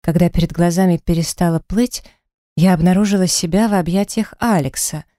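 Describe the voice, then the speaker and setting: Low, warm-voiced woman reading an audiobook. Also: a little fast, no echo, clean studio sound. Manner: expressive, dramatic storytelling. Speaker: audiobook narrator. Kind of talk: first-person audiobook narration. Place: recording studio.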